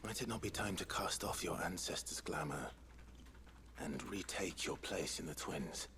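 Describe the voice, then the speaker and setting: An actor playing an earnest, courteous fantasy hero in a video game, with a measured and formal delivery. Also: male voice, low voice, pushed and bright, a little hiss or hum. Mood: grave, earnest. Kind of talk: scripted game dialogue.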